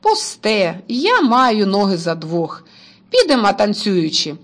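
A woman's voice: medium pitch, huge pitch swings, slow, heavily acted. A woman voicing a cheerful older brother who hunts, teasing and upbeat, in a storybook reading.

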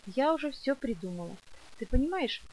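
A woman's voice: high voice, very animated, a little fast, a little mellow, slight background noise, voice pushed up, poor audio. A woman reading an audiobook and voicing a willful, defiant young girl who explains herself with stubborn childish logic.

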